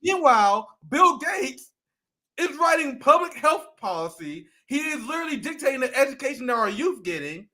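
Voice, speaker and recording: A man's voice: very high voice, sing-song, normal speed, pushed and bright. A young adult man co-hosting a political commentary show, ranting in a heated, profane way. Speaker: co-host.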